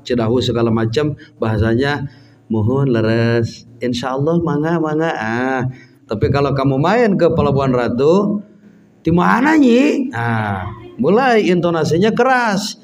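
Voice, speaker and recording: A man with a Sundanese accent, an Islamic preacher giving an unhurried, chatty religious study lecture, sometimes mimicking local dialects. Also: a little high, darkish tone. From West Java, Indonesia. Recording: distant mic, dull lo-fi sound, faint background hum.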